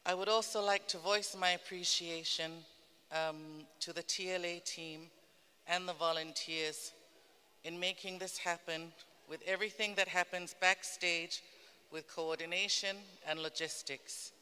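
Bright, clear woman giving a speech. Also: on the low side. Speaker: pageant speaker giving closing remarks. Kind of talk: formal scripted thank-you speech. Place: indoor stage at a large event. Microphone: stand microphone at a lectern. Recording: echoey hall PA, long reverb.

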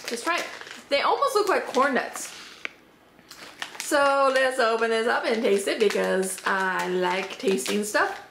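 A woman chatting upbeat and thinking aloud as she unboxes and tastes snacks, her voice slightly hoarse. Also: fairly high pitch, lively intonation, unhurried. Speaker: unboxing vlogger. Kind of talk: casual product tasting review. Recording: roomy echo, faint background noise.

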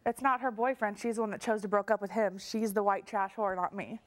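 A woman's voice: medium pitch, fairly even intonation, a little fast. A woman guest on a talk show, brash and mocking, throwing insults in a heated argument.

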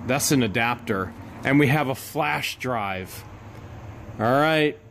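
A man narrating as he digs through boxes from a bought storage unit, casual and chatty, breaking into excited high exclamations over finds. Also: slow pace, vocal fry, a little hiss or hum. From United States. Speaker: storage unit reseller vlogger.

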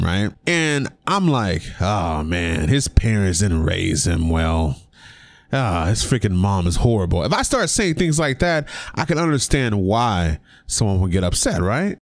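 A man's voice: mid-range voice, no echo. A young man talking casually on his own vlog, giving his opinion with emphatic rhetorical questions. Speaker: sports commentary vlogger. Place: indoor room.

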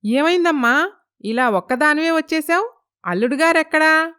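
A woman voicing a quick-tempered village mother who fiercely sides with her daughter, speaking loudly and indignantly. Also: a little high, animated, clear, resonant tone. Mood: fussing. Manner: loud, indignant.

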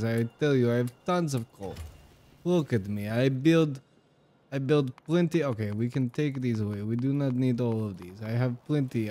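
A man's voice: medium pitch, a little mellow, a little hiss or hum, close to an everyday voice. A man putting on a mock Russian accent and broken English as a boastful gamer who repeats himself. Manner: broken English, repeats phrases, brags and blusters.

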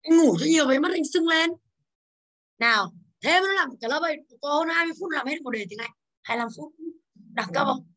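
High bright woman teacher, drills the class with questions. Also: expressive, fast talker, long pauses. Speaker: English teacher.

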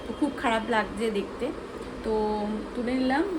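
This is a young woman talking casually to her phone while she goes about her day at home. She describes each step of what she is doing as she does it. Her voice sits a little high, and there is clear household noise in the background. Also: moderate pace. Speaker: vlogger. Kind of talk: casual home vlog chat.

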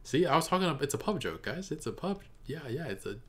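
A young adult man with a rather high, sing-song voice talks fast, offering casual, off-the-cuff reaction commentary as a video host. He's in a small indoor room, recorded on a desk condenser microphone.

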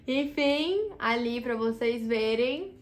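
A young woman talks fast and fondly through her haul, filling gaps with little asides. Her voice sits a touch high. The recording has a roomy, echoey sound from the room at home. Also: very animated. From Brazil. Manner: chatty and enthusiastic, full of fillers. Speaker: vlogger showing thrift finds. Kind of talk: casual haul vlog. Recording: roomy echo in a small room.

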